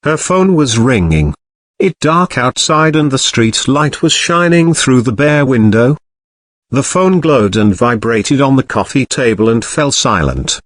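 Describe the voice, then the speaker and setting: A man narrating a crime novel audiobook in a measured, expressive storytelling manner on a close mic. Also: mid-range voice, no room sound.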